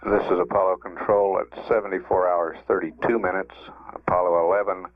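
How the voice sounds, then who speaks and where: An American man giving measured status announcements as a mission control announcer on an archival broadcast feed. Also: deep voice, little pitch movement, slight background noise. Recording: dry, phone-like archival 1960s broadcast feed.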